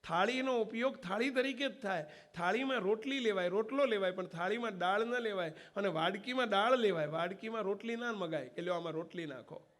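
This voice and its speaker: A monk preacher telling a devotional story in a homely way, calling listeners brother and quizzing them. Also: male voice, high-pitched, brisk, few pauses, fairly bright tone.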